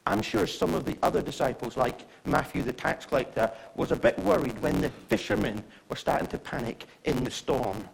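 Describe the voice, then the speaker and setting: Male preacher, chatty and conversational, gravelly voice with lots of pitch movement. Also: expressive, a little fast, few pauses, poor audio. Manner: chatty, asks the audience questions. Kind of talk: conversational sermon.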